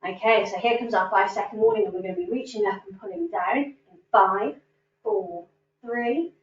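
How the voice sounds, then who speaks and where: A woman's voice: mid-range voice, moderate pace, a little hiss or hum. A woman fitness instructor leading a standing cardio class, upbeat and encouraging as she counts reps. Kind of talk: guided exercise class. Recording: roomy, distant, dull sound.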